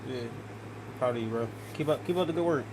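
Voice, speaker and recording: A man's voice: medium pitch, fast. A man hosting a live trading stream, bantering with friends in a brash, boastful and profane way. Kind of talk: casual trash-talking banter. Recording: noisy stream audio.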